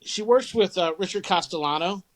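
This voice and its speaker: A man's voice: high voice, moderate pace, low-quality recording. A man, co-hosting a podcast in casual, rambling chat full of fillers and restarts. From St. Louis area, Midwest US. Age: 40s. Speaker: podcast co-host.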